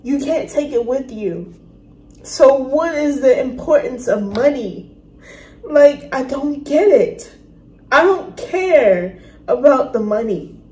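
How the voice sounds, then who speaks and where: A woman hosting a reaction video, talking earnestly and emotionally with halting, apologetic restarts. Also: high-pitched, lively intonation. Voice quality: emotional, soft-spoken. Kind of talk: casual reaction commentary. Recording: roomy room with faint noise.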